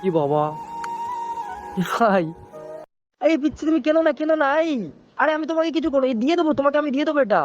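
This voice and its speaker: High-voiced man coaxing a child. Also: big pitch swings, fast talker, pauses often, muffled recording. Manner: coaxing, soothing, emotional asides to a friend. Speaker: vlogger. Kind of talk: street vlog talking to a child. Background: music.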